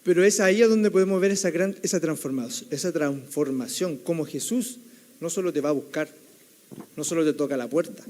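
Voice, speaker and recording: A young man delivers a sermon in a slightly high voice. His tone is mellow and warm rather than bright. He tells the story conversationally, often checking in with the listeners through a tag question. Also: fairly quick. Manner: keeps adding the tag question "right?", storytelling tone. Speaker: theology student preaching.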